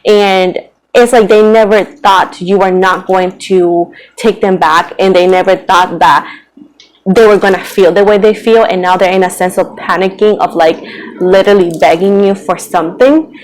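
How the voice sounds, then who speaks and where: Woman doing a chatty tarot reading, rambly, says like a lot, average pitch. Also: fairly even intonation, moderate pace, rough recording. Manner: rambling and chatty, heavy on "like" and "you know". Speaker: tarot reader. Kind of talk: casual tarot reading to camera.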